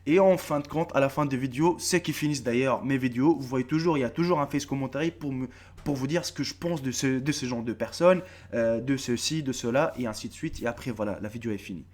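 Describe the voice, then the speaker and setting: A man's voice: mid-range voice, fast talker. A man in his thirties with a North African French accent, talking straight to his viewers in a casual, swearing, repetitive vlog. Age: 30s. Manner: animated, swearing, repeating himself, addresses viewers directly. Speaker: YouTube video creator. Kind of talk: casual face-to-camera vlog.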